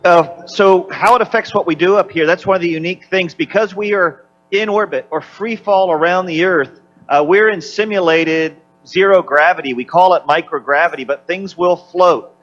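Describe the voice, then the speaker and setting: A man's voice: sits high, normal speed, fairly bright tone. A man answering questions as an astronaut over a radio downlink, unscripted and searching for his words. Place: aboard a space station. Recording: slightly dull downlink with faint hum.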